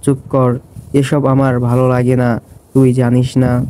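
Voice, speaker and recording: A man's voice: medium pitch, monotone, unhurried, dark tone, slight background noise, lightly acted. A man voicing a jealous, hot-tempered young husband who speaks curtly and scolds. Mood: harsh. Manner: curt, scolding.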